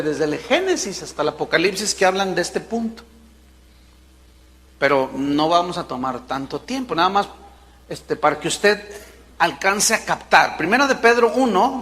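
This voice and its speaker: A high, bright male preacher delivering a sermon in a church hall with a long, ringing reverb. He talks emphatically, slows down for dramatic pauses, then bursts into loud quoted lines. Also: animated. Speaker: pastor.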